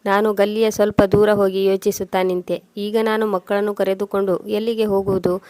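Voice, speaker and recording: A woman reading a sorrowful first-person story in a steady way. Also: mid-range voice, brisk, no echo.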